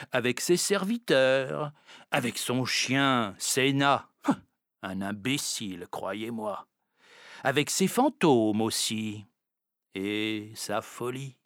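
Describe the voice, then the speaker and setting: Male actor as an old, proud house cat, storybook narrator: slow, wry, melodic delivery, dry close sound. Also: medium pitch, a bit bright, no echo.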